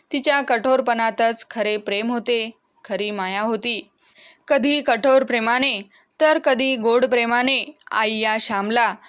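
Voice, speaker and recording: A woman reading a classic novel aloud as audiobook narration, steady and expressive. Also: a little high, smooth.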